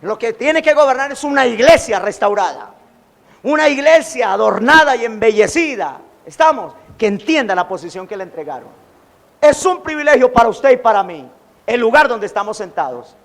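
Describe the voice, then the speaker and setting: A man preaching a sermon as pastor, animated, acting out quoted taunts. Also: very high-pitched, normal speed, vocal fry. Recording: long hall reverb.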